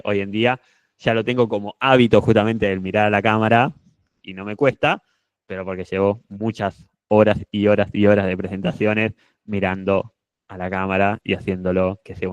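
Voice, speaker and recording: A young man with a Rioplatense Spanish accent teaches public speaking in an animated way. He often pushes his volume up and down to show each point. His voice sits on the low side and sounds smooth, recorded close and dry. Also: no echo, muffled recording. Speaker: public speaking workshop instructor. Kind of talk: online workshop lesson.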